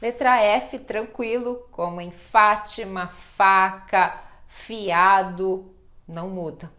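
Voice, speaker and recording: A woman's voice: mid-range voice, unhurried, sharp tone. A Brazilian woman teaching Portuguese pronunciation, patient and reassuring as she spells out example words. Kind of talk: slow pronunciation lesson.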